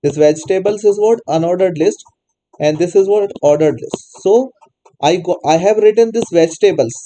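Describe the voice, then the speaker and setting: A man's voice: high-pitched, moderate pace, warm tone, a little hiss or hum, low-quality recording. A man teaching a live online coding class, repeatedly asking students to answer. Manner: prompts students repeatedly, non-native English phrasing. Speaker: programming teacher.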